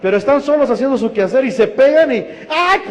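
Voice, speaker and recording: Man, Mexican Spanish accent, pastor preaching, high voice, long church reverb. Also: fast talker, a little mellow. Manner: asks the congregation questions and answers them. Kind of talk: sermon. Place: church hall.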